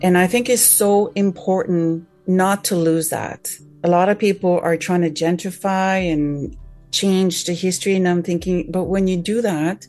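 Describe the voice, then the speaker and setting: A woman hosting an interview, introducing her guest and asking earnest, measured questions. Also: fairly low pitch, fairly even intonation, darkish tone, faint music behind. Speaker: host.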